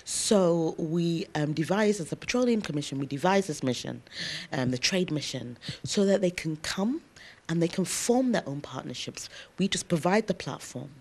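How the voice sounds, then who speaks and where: A woman lecturer answering interview questions in an earnest, emphatic way, often pausing with "um" as she thinks aloud. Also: on the low side, expressive, darkish tone. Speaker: interview guest, university lecturer.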